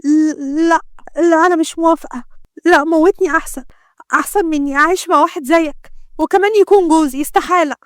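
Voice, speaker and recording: A woman voicing a frightened young female doctor with an Egyptian accent, speaking in a high, tearful, pleading voice. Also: fairly even intonation, fast, dry recording, studio quality. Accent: Egyptian Arabic.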